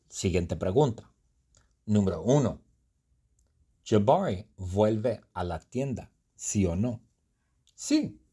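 Slow, husky-voiced man teaching. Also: on the low side, mellow. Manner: clear, deliberate, quizzing. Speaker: language teacher. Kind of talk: slow storytelling for learners.

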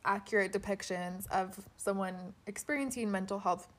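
A woman co-hosting a casual chat, talking with many fillers and laughing easily, recorded on the floor under a blanket fort. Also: mid-range voice. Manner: chatty, quick to laugh, filler-heavy. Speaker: podcast co-host.

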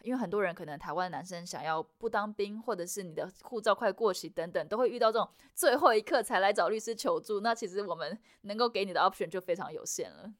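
Woman, immigration consultant, rapid explanatory delivery, slightly low voice, dry close sound. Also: no echo. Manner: mixes English terms into Mandarin. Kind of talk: expert interview answers.

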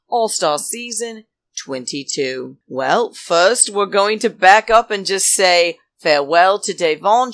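A woman with a notably low voice delivers chatty podcast commentary at a leisurely, drawn-out pace. Her manner is campy and theatrical like a drag queen, full of sassy, indignant emphasis. The recording is close and dry. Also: a bit bright, dry recording. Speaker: podcast host. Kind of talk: solo reality TV recap podcast, chatty commentary.

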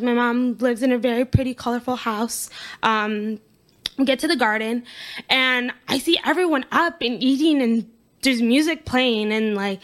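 A young American woman with a light, high voice tells a personal story in a relaxed, chatty way. She fills her sentences with "like" and slips into lively quoted voices as she recounts what everyone said. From United States. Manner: chatty, heavy use of "like" fillers; animated, acts out quoted speech.

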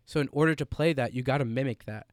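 A young man chatting on a podcast in a smooth, clear voice. He talks animatedly, packs his sentences with "like" and swears casually. The sound is dry and close, with no room echo. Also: mid-range voice, fast. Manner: animated, filler-heavy with many "like"s, swears casually. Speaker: podcast co-host. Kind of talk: casual chat.

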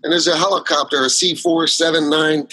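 A man's voice: on the high side, fairly even intonation, brisk, sharp tone, husky, rough recording. A man chatting as a guest about his solo theater work, telling long rambling stories full of fillers and restarts. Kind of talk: casual interview chat.

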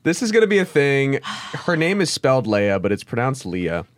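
A man's voice: a little high, sing-song, fairly quick. A man hosting a podcast, chatting and teasing his co-hosts in playful banter. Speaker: podcast host. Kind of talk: casual chat.

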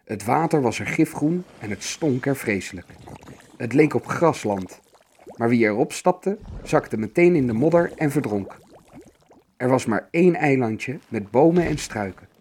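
A man narrating a fairy tale in an expressive, storytelling manner. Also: mid-range voice, a little slow, slight background noise.

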